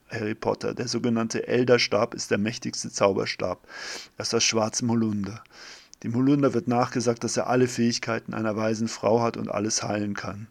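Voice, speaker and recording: Low gravelly man reading a story. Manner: plain reading with slips and restarts. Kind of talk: reading a homemade story aloud.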